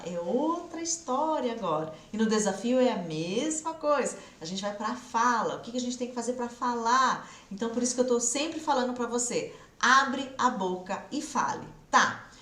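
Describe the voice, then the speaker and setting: Encouraging Brazilian English teacher, echoey room. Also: female voice, on the high side, fairly bright tone. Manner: encouraging, slows down to model English phrases. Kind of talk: online English lesson.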